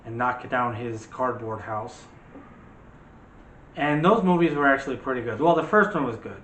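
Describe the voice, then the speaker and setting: A movie channel host keeps the talk casual, trading playful, teasing banter about films. He speaks at a normal speed with a medium pitch and a fairly bright tone. The echoey indoor room adds reverb, with faint background noise underneath.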